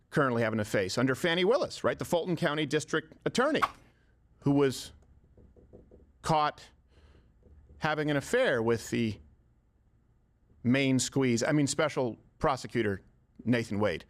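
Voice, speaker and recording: A man's voice: mid-range voice, animated, measured pace, long pauses. Man making a persuasive case. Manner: persuasive, rhetorical. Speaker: commentator. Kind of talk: scripted commentary.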